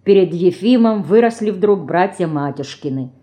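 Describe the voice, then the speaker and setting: Woman audiobook narrator, measured scripted storytelling. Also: on the low side, animated, warm tone.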